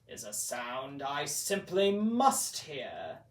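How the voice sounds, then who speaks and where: A man's voice: mid-range voice, wildly swooping pitch, extremely slow, heavily acted. A man voicing a sly, sneering, gloating grouch creature in a theatrical storybook read-aloud. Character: sly, gleeful, sneering green Christmas-stealing grouch creature. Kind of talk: storybook read-aloud in the manner of 1960s horror-film narration. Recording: roomy echo, distant from microphone.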